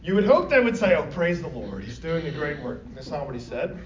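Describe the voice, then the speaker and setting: A man's fairly high voice swings widely in pitch and moves a little fast as he teaches a Bible study, talking conversationally and asking the group many questions. He's in a classroom or church meeting room, recorded in roomy, distant, dull lo-fi with faint noise.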